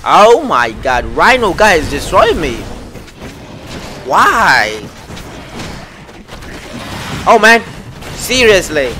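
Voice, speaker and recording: A man commenting on his own gameplay as it happens, excitable and chattering to himself. His voice sits a little high with a bright, forceful edge. He loops the same words again and again as the action heats up. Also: drawn-out words, pauses often, slight background noise. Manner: excitable, repeats phrases, talks to himself.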